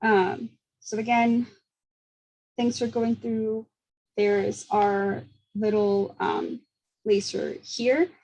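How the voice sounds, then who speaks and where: A young woman giving a seminar talk, speaking quickly with frequent fillers and small laughs. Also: a little high, little pitch movement, darkish tone, poor audio. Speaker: student presenter.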